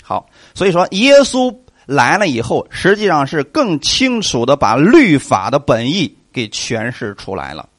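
Man, preacher, sermon, asks and answers his own questions, lively pitch, dry close sound. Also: a little slow, hardly any pauses, dry recording. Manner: animated, asks the congregation questions and answers them.

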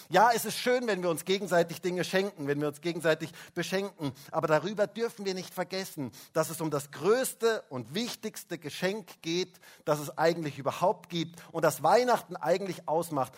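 During a livestreamed church service, a pastor delivers a Christmas sermon in a higher-pitched, expressive voice at normal speed with few pauses. He talks with the children, frequently tagging his questions with "hä?".

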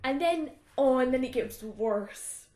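A high-pitched woman talks unhurriedly in an echoey room. She hosts a casual book chat, laughing often and slipping into acted-out quotes. The room gives her voice a roomy echo. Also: measured pace. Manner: animated, laughs often, acts out quoted lines. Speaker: podcast host.

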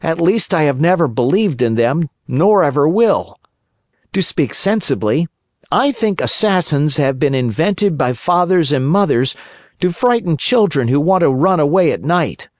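A man's voice: unhurried, dry recording, clean studio sound. Pinocchio, a cheeky wooden puppet boy, voiced by a man. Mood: boastful. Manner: high, excited and boastful.

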